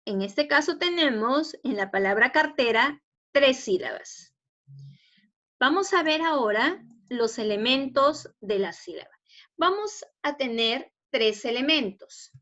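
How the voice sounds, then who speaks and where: A woman with a Peruvian Spanish accent teaching a spelling lesson to students, explaining patiently and checking understanding with quick questions. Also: high voice, lively intonation, fairly bright tone. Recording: dull lo-fi recording.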